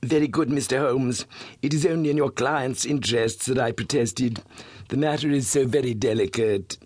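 Man reading as a silky, purring, self-satisfied villain, pitched up, for an audiobook; dry sound. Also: moderate pace, darkish tone, no echo, close to an everyday voice. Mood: suave. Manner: smooth, suave, purring. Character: smooth, suave middle-aged male blackmailer, complacent.

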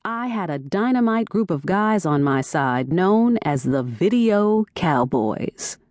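A woman reads a first-person mystery audiobook with a wry, lively delivery, her fairly low voice moving through wide pitch swings. She takes her time, unhurried and deliberate, and the studio sound is close and dry with no room. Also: no room sound. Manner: wry, animated storytelling. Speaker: audiobook narrator. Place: recording studio.

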